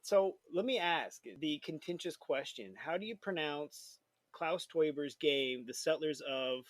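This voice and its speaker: A man's voice: a little high, measured pace, no room sound. A man hosting a podcast interview, friendly and laughing often. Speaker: podcast host. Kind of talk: casual interview chat.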